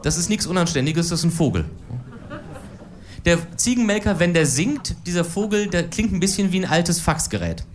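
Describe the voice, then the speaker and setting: A woman in her forties, animated and moving at a moderate pace, delivers dry, ironic political stand-up cabaret to a live audience on stage. Her voice is on the lower side.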